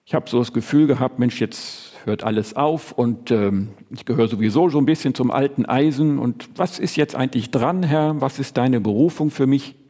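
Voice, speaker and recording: A man's voice: mid-range voice, moderate pace, hardly any pauses, warm tone. A man in his sixties giving a personal testimony in a sermon, telling it earnestly and acting out his talks with Jesus. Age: 60s. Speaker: preacher. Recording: long reverb of a large hall.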